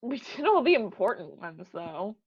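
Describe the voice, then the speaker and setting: A woman's voice: mid-range voice, very animated, moderate pace, slightly rough. A woman playing an offhand, self-assured fairy tale narrator in a comic stage play. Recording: dull, lo-fi audio.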